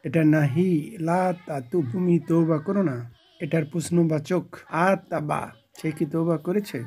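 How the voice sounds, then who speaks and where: Husky, dark-voiced male grammar teacher. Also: fairly high pitch. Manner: measured, explains each form and then glosses its meaning; recites word forms in short phrases like a list. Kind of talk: step-by-step grammar lecture.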